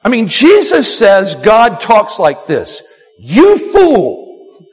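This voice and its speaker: A man preaching a sermon as pastor, animated and acting out quoted lines, often repeating himself. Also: high-pitched, slow pace, breathy edge. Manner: animated, acts out quotes, frequent repetitions. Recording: long hall reverb.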